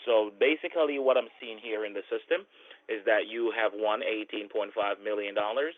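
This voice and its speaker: A man with English as a second language, making a fast, well-spoken scripted sales pitch over a landline phone. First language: not English. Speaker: scam caller. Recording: tinny phone line.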